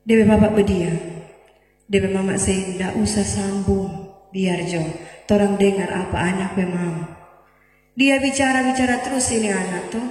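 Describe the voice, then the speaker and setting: A woman's voice: mid-range voice, fairly even intonation, measured pace, a little mellow. A woman pastor, telling an earnest story in her sermon in a large church. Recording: echoey church hall from far off, faint music.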